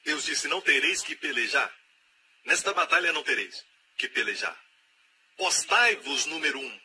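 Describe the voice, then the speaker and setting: A man preaching with a very bright, ringing tone and a fairly high voice. He hammers phrases home through repetition and slips into quoted voices. A faint hiss runs underneath. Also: animated, moderate pace. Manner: emphatic, repeats key phrases, acts out quoted voices.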